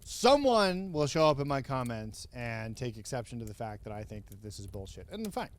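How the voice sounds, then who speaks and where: A man's voice: medium pitch, big pitch swings, normal speed. A man hosting a comedic review of an old wrestling show, sarcastic, with laughing asides and mock outrage. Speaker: host, wrestling commentator.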